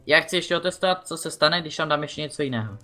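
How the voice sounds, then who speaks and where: A man's voice: a little high, sharp tone, soft background music. A young man voicing a small, short-tempered male teacher in a Minecraft role-play, bossy and teasing. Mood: scolding. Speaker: co-player voicing a teacher figure.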